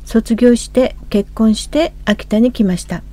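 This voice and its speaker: A woman in her fifties with a Kansai accent, co-hosting a religious radio talk and gently prompting her husband. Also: on the high side, unhurried. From Hyogo, Japan. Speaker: co-host.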